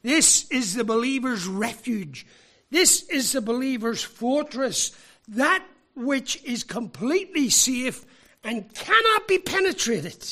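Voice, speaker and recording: A man from Ireland, preaching a sermon with emphatic rhetorical questions and deliberate pauses. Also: extremely high pitch, big pitch swings, bright, forceful tone. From Northern Ireland.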